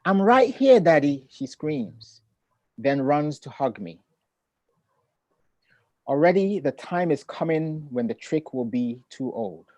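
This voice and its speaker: A middle-aged man who grew up in Ghana, a poet, reading his poems and talking about family in a measured, reflective way over a video call. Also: on the high side, big pitch swings, darkish tone, dry recording. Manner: measured and reflective, with thoughtful pauses. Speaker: poet and author. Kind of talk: poetry reading and relaxed conversation.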